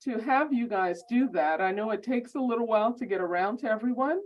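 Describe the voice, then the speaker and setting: A woman giving welcoming remarks at an online orientation on a video call, halting with many ums and repeated words. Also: on the high side, lively intonation. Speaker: law school program administrator. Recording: muffled video-call audio.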